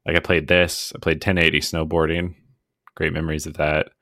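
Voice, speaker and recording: This podcast co-host has a very deep, low voice and talks fairly quickly in a relaxed, casual chat, rambling cheerfully, teasing himself and laughing a lot. It's recorded close and dry, without room echo.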